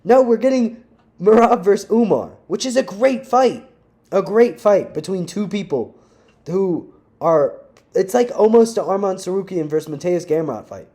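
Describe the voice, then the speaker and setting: Animated young man ranting, mellow voice. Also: high voice, moderate pace. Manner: animated, laughs often, slangy. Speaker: vlogger. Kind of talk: casual rant.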